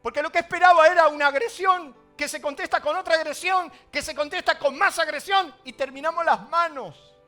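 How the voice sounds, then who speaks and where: A man with a Rioplatense Spanish accent preaching a sermon as pastor, swinging between loud emphasis and hushed asides. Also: very high-pitched, a little fast, faint music behind.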